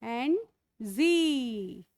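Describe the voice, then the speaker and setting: A woman teacher leads a children's phonics lesson, drawing out each letter sound with great patience. Her voice sits high, and the recording is dry and close. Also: expressive, darkish tone, no room sound. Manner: slow, drawn-out sounding of letters, mixing Hindi and English, calling pupils "beta".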